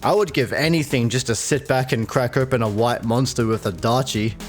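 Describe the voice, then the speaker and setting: A man's voice: medium pitch, moderate pace. A young man narrating a casual scripted video game review in a slangy, profane, dryly joking way. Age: young adult. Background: faint music.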